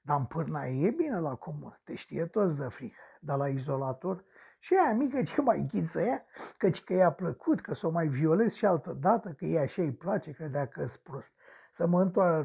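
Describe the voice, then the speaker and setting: A man's voice: high voice, vocal fry, mellow, slightly rough, highs cut off, heavily acted. A man acting a coarse, boastful male serial killer in a radio drama monologue, ranting and sneering at the victims who haunt him.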